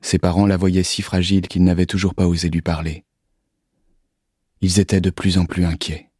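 Low, husky male storyteller. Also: no echo, studio quality. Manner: calm, measured reading. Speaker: narrator reading a children's story. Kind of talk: scripted storybook narration.

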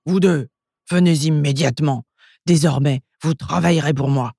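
Grumpy menacing storybook ogress, put on by a woman reader; dark, dry. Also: low voice, moderate pace, no room sound, exaggerated voice. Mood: grumbling. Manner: growling, gruff and menacing. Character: grumpy bossy female ogre. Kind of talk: children's storybook reading.

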